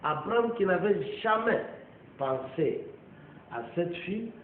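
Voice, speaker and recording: A man preaching a sermon, slow and emphatic, with long pauses and repeated amens. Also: high voice, expressive, a little hiss or hum. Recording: echoey, tinny lo-fi phone-like recording.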